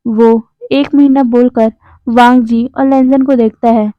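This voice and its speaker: A woman narrating a fanfiction story in a brisk storytelling manner. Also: a little high, steady tone, no echo. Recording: slightly dull, dry close recording.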